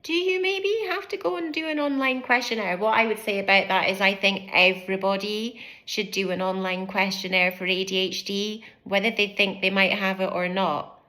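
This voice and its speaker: A woman's voice: mid-range voice, moderate pace. A British woman in her fifties, a former family doctor, telling her own story candidly and animatedly to camera, acting out the things people said to her. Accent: British English. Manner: candid, animated, acts out quoted speech; fidgets and moves while speaking. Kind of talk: personal vlog storytelling to camera.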